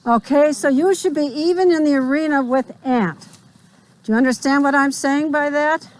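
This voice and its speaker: A woman's voice: high voice, moderate pace, darkish tone, rough recording. A woman riding instructor outdoors, explaining drill directions firmly and checking that her riders understand. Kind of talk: spontaneous hands-on instruction.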